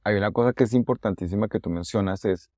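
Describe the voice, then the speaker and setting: A man's voice: fairly low pitch, fast, darkish tone, no echo, clean studio sound. A man hosting a podcast interview as an English coach, talking in a conversational and enthusiastic way and often repeating a word before going on. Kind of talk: casual interview.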